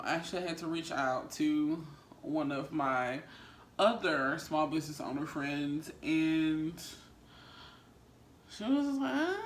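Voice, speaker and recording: A woman vlogger chatting casually to her viewers in a rambling, conversational mukbang style. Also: sits low. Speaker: vlogger and small business owner. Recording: roomy echo, faint background noise.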